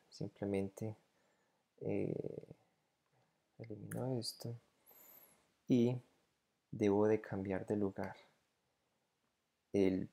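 A man explains grammar like a schoolteacher, patiently walking through each example. His voice is low and gravelly, with a dark, mellow tone. He speaks slowly and evenly, with little rise and fall. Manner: slow, patient, step by step, repeating each example in two languages. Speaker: English teacher. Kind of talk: recorded grammar lesson explaining on screen.

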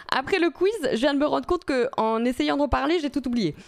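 A woman's voice: high-pitched, expressive, moderate pace, vocal fry. A woman streaming live, chatting casually with her viewers in a rambling way, full of fillers and restarts.

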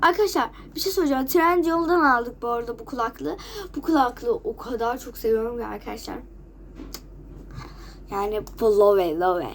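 With slight background noise, a sick teenage girl with a fairly high voice speaks at normal speed in a casual chat to camera, just out of bed at home. She coughs, has a runny nose from her cold, and keeps repeating herself to her friends.

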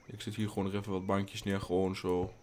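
Young man, gaming commentary, rambling, blunt, swears a lot, sudden excited outbursts, English phrases mixed in. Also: low-pitched, fairly quick, a little hiss or hum. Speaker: gaming channel host. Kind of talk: casual let's play commentary.

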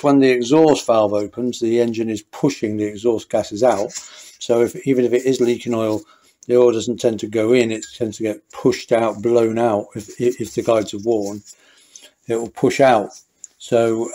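Working on a motorcycle engine rebuild, a mechanic explains each step aloud, stumbling through fillers and restarts as he goes. He has a lowish, dark-toned voice.

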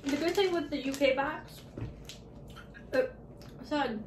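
A woman's voice: high voice, slow, noisy background. A chatty, giggly woman hosting a casual snack unboxing and taste test. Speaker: vlog host. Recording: echoey room, mic far off.

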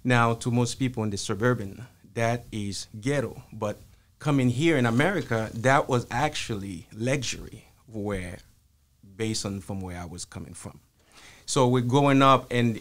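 A man from Haiti, appearing as a guest author, answers interview questions in a low, steady voice. He's indoors in a podcast studio, recorded on a studio mic mounted on an arm and wearing headphones.

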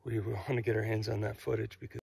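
A man's voice: fairly low pitch, flat delivery, fast talker, creaky, a crowd in the background. A man in his forties vlogging to a phone at arm's length outdoors in the woods, rambling with restarts and sounding frustrated. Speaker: family travel vlogger. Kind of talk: casual vlog talk to camera. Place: outdoors on a forest road and woods. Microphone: phone held at arm's length. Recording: noisy outdoor recording.

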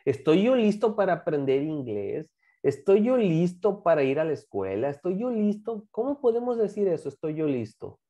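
A woman, an English teacher giving a class to children, repeating example phrases slowly and quizzing her students. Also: fairly low pitch, big pitch swings, dark tone, dull audio. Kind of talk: online class teaching English grammar to kids.

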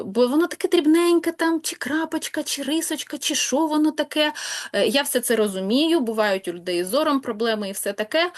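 A woman teaching an online language lesson, lively, ironic and emphatic. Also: on the high side. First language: Ukrainian.

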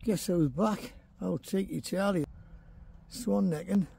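A high-pitched, gravelly yet warm voice belongs to this Teesside angler, who sounds slightly rough as he talks slowly. He's chatting casually and colloquially for his vlog, outdoors on a riverbank at night, using a camera or phone mic.

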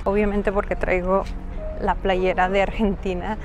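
A Mexican woman, working as a travel vlogger and host, chats casually with her viewers in slangy speech while giving a walking tour, mostly outdoors around an accommodation village. Her medium-pitched voice stays level and unhurried, the high frequencies are cut off, and faint music plays in the background.

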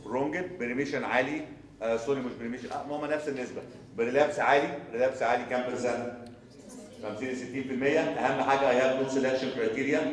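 A male surgery lecturer with an Egyptian Arabic accent who talks quickly, repeats himself and quizzes his students with rhetorical questions. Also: medium pitch. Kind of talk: recorded lecture. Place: lecture hall. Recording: echoey lecture hall from far off.

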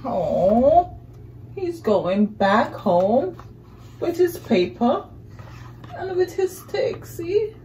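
Reading aloud to young children from a couch in a small living room, a middle-aged woman improvises narration with questions and exclamations, very expressive. Her warm voice sits high with big pitch swings, very slow and pausing often. There's slight background noise.

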